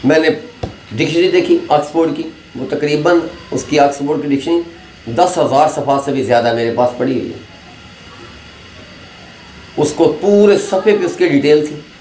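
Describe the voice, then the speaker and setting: A man's voice: mid-range voice, a little mellow. A man, an English teacher giving a chatty classroom lecture full of anecdotes and pronunciation drills. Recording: echoey room with faint noise.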